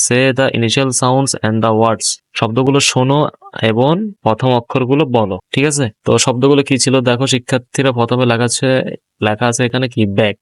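A man's voice: medium pitch, clear, resonant tone, dry recording. Man teaching a children's textbook lesson. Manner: explains each English word in Bengali, asks pupils questions. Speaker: primary school English teacher.

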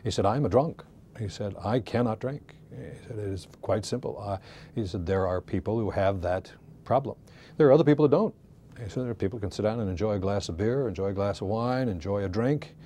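Deep mellow man, interview recollection, faint rumble. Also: fairly quick. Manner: conversational, recalling quotes. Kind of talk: documentary interview.

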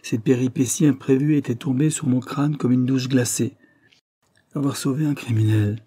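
A man narrates an audiobook with measured, dramatic storytelling. His voice is mellow and a little husky, and it is recorded close and dry. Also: medium pitch, fairly even intonation, no room sound.

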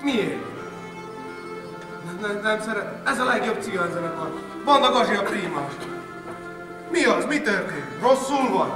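A man's voice: high-pitched, animated, moderate pace, long pauses, over music. A man acting a jovial host who coaxes his guests and sings folk songs on stage, heard from a worn VHS tape copy of an amateur stage play. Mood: coaxing. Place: theatre stage. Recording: worn tape of a stage play, echoey hall, far from the mic. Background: live band playing.

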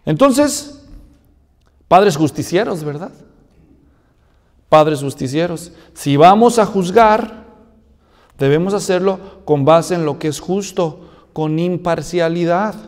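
A man's voice: sits high, slow, darkish tone, in a large hall. A male pastor preaching a sermon, telling a story and asking rhetorical questions.

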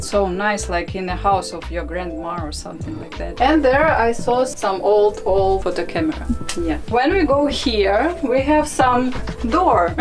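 A young woman giving a cheerful, laughing tour of a small wooden treehouse, talking in a casual vlog style with non-native phrasing. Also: medium pitch. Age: young adult. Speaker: vlogger giving a house tour. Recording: music playing underneath. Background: background music.

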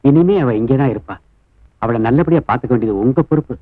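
A man's voice: medium pitch, expressive, fast talker, no echo, close to an everyday voice. An older man playing a devoted father who entrusts his daughter to her new family, speaking in a solemn, pleading way. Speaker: bride's father. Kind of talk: dubbed film drama. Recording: tinny phone-like dub over loud film music.

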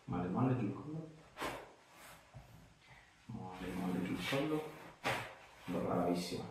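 In a small indoor treatment room, an osteopath casually gives a patient reassuring, encouraging instructions. His deep voice is expressive and measured in pace, and the recording is echoey, with a distant mic and faint noise.

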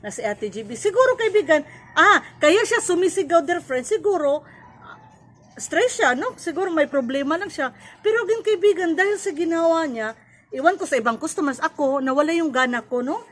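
A woman's voice: very high-pitched, animated, brisk, a bit bright. A woman from Cebu with a Cebuano accent, a store owner giving casual advice to her viewers, mixing in English and often adding "no?". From Cebu, Philippines. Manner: chatty, repeats "kaibigan" and "no?", mixes in English. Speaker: sari-sari store owner vlogger.

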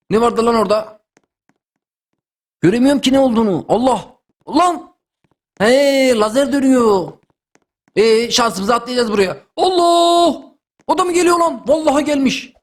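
A young man hosting a gaming video, giving excited running commentary with loud exclamations and repeated phrases. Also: very high-pitched.

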